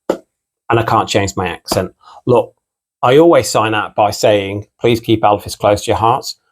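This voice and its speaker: A British record collector with a mix of English and Irish in his accent hosts his own channel, rambling through casual, unscripted vlog talk and repeatedly saying "again" and "you know." His voice is mid-range, with a little hiss or hum on the recording.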